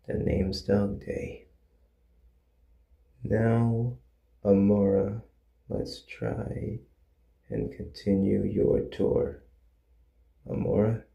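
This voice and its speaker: A man voicing a gentle, reassuring cartoon dog mascot who welcomes and guides, with a soft gravelly voice and soothing manner. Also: lowish voice, echoey room, exaggerated voice. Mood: gentle, welcoming. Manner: soothing, encouraging, unhurried. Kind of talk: character voice lines.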